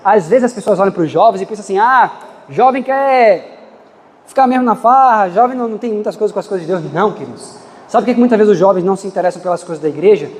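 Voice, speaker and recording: A man's voice: high-pitched, expressive, fast talker, long reverb tail. A man preaching a sermon in a church, impassioned, with dramatic swings in pace and emphasis.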